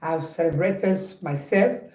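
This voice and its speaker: This Nigerian vlogger, a woman in her forties, talks at a normal speed to viewers in a casual birthday video made at home, playfully saying things over again. Her fairly low voice has a darkish tone, and the room echoes.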